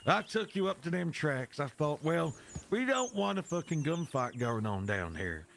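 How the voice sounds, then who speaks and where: A man acts out a folksy, foul-mouthed cowboy in a western game role-play. His voice sits fairly high and swings widely as he rambles in slangy speech. There is faint noise and animal sound behind him. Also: big pitch swings, moderate pace, gravelly, fairly bright tone, exaggerated voice. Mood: friendly, earnest. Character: folksy, foul-mouthed, peacemaking male cowboy named Buzzard.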